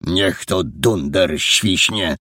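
Man doing a gruff booming police commandant. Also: very slow, sharp tone, dry recording, studio quality, exaggerated voice. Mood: impatient. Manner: brusque orders.

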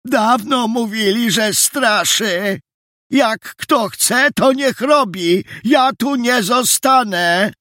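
A man voicing an old, hunched, superstitious worker who insists the place is haunted, in a high, drawn-out voice. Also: bright, forceful tone, no echo, clean studio sound, heavily acted. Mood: fearful.

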